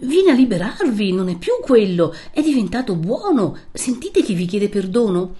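A woman reading an audiobook, voicing a compassionate village woman who speaks gently and soothingly. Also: medium pitch, sing-song, normal speed, close to an everyday voice. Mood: tender.

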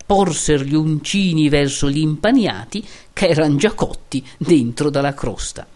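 Low-voiced woman reciting epic verse. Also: lively intonation, unhurried, darkish tone. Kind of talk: dramatic poetry recitation.

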